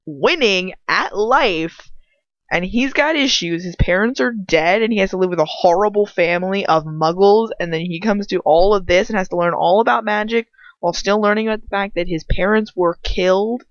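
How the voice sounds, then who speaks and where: This woman casually picks apart a story as an amateur fan fiction reader, blunt and meandering, sarcastic, exasperated and freely profane. Her pitch is medium and her speed normal, captured without echo in a dry, dull lo-fi home setup.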